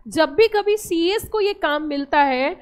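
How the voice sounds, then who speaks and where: A young Indian-accented woman lectures a class, building each point step by step and turning to her students with questions. Her voice sits very high. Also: expressive, unhurried. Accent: Indian English. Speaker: teacher.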